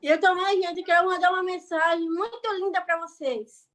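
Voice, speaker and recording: A woman from Bahia with a very high voice talks casually over a video call. She rambles and keeps checking that her listeners follow. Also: steady tone, moderate pace, a bit bright, poor audio. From Bahia, Brazil. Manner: chatty, rambling, keeps asking "entendeu?" and "sabe?". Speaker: guest speaker, online creator.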